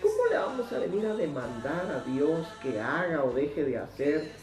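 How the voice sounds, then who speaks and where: A man's voice: a little high, sing-song, moderate pace, darkish tone, roomy sound, distant mic, soft background music, low-quality recording. A man teaching a Bible sermon in an emphatic way, repeating words for stress. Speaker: preacher.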